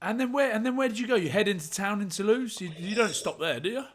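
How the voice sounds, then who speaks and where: A man's voice: high voice, animated, fast talker. A man co-hosting a podcast with casual, laddish banter, eagerly firing repeated questions. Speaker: podcast co-host.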